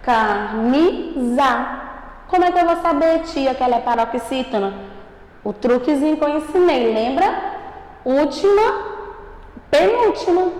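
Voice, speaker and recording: Brazilian woman, primary teacher, high voice, drawn-out and emphatic, taped remote lesson with a ringing echo. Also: darkish tone. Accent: Brazilian Portuguese. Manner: slow, emphatic, stretches out syllables; asks questions and answers them for the class. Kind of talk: recorded remote grammar lesson for children. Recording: echoey room with long reverb.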